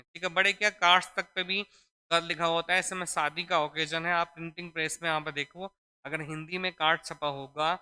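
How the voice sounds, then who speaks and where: A man's voice: on the high side, bright, forceful tone, clean tone. A man teaching a spelling lesson for exam preparation. He explains step by step, repeats each word, and keeps checking in with his students. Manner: addresses students fondly as children.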